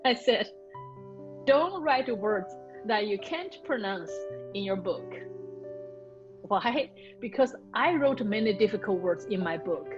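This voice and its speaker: A woman whose first language isn't English speaks slowly and with animation at a medium pitch. She's an author learning audiobook narration, carefully practicing hard words with her coach in a recorded session. The audio has its highs cut off and music underneath.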